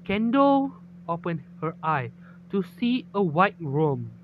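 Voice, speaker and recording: A man narrating a fan story in a halting way, with frequent restarts. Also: high-pitched, sing-song, narrow, tinny audio, slight background noise.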